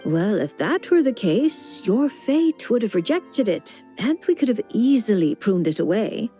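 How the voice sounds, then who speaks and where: Slow, cryptic witchy fortune teller. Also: on the high side, sing-song, mellow, faint music behind. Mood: cryptic, matter-of-fact. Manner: measured, cryptic, teasing. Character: creepy, knowing old witch-like woman fortune teller. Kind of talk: video game character dialogue.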